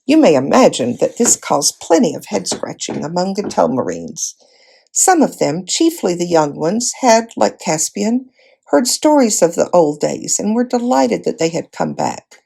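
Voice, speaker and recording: A woman reads a fantasy storybook aloud, narrating expressively in the manner of a volunteer reader. Her voice is low and relaxed with a noticeable creaky edge, and her pace is measured.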